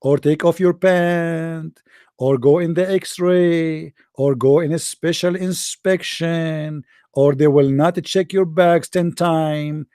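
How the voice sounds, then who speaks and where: A man's voice: on the high side, fairly even intonation, takes it slowly, mellow, clear, resonant tone, dry recording. Sarcastic Arabic-accented man, dry close sound. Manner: sarcastic, mocking. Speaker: religious debater. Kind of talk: online debate talk.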